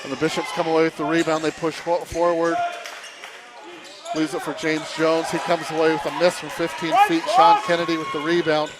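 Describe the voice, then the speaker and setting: A man with a fairly high voice calls a basketball game play by play. His delivery is brisk and breaks into shouts when the action peaks. Heavy gym noise and bouncing balls sit under a noisy broadcast feed. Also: flat delivery. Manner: brisk play calling that rises into shouts on big plays. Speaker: play-by-play commentator. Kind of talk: live basketball commentary.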